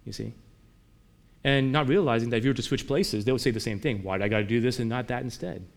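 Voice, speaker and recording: A man preaching a sermon in a conversational way, moving between emphatic lines and quiet ones, often asking his listeners rhetorical questions. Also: medium pitch, quick pace, vocal fry. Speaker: pastor.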